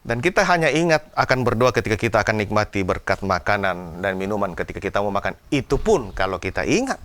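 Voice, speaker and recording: Earnest preaching man, smooth dry voice. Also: on the low side, fairly bright tone, dry recording. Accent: Indonesian. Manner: earnest preaching, lifts voice for cries to God. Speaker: pastor. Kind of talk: sermon.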